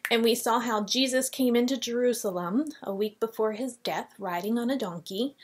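Her voice is fairly high with a breathy edge. A woman in her forties, she presents a Bible lesson for kids via a desk webcam, reading scripture aloud and narrating the story expressively from a small painted classroom office indoors.

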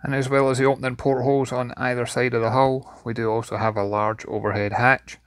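A man's voice: mid-range voice, little pitch movement, brisk, no echo, studio quality. A man giving an enthusiastic walkthrough tour of a yacht's cabins and engine room, recorded inside the boat. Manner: enthusiastic, descriptive. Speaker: yacht reviewer.

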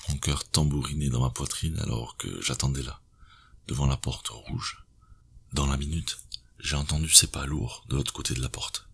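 Male audiobook narrator, very deep, husky, gravelly, tense measured thriller read. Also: a bit bright.

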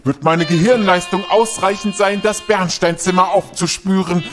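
An actor playing a pompous, fame-hungry shapeshifting villain scientist in a youth audio drama, with theatrical delivery. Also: male voice, sits high, steady tone, moderate pace, soft background music, natural voice.

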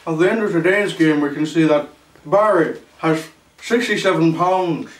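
A young man puts on a showy, bumbling game show host. His voice is fairly high and sounds roomy, with music playing behind. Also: moderate pace, natural voice. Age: young adult. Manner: showy, rambling, catchphrase-heavy. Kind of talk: game show parody presenting. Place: small indoor room with makeshift set. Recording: echoey room, distant mic, music behind.

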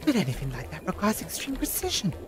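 An actor playing a quick-witted, sceptical doctor, hesitant and sardonic, in an audio drama. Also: male voice, high voice, huge pitch swings, over music. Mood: alarmed, indignant. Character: wry, sceptical male time-travelling doctor, quick-witted and indignant.

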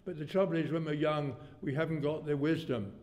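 A man's voice: a little high, fairly even intonation, a little fast, a little mellow. A man in his eighties preaching a sermon in a rambling, folksy way, his volume rising suddenly to make a point. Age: 80s. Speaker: pastor. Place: church hall. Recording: long church reverb.

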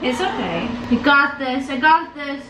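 A woman's voice: high voice, lively intonation, unhurried. A giggly drunk woman in her twenties chatting casually in slangy, exclaiming bursts. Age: 20s. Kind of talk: casual chat while doing makeup. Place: small home room, indoors. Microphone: camera a few feet away. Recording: echoey, distant camera mic, noisy.

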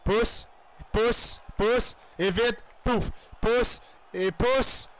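A man with a Quebec French accent giving excitable play-by-play commentary on his own hockey video game, with loud outbursts and English exclamations. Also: very high voice, drawn-out words, a little hiss or hum. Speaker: gaming YouTuber.

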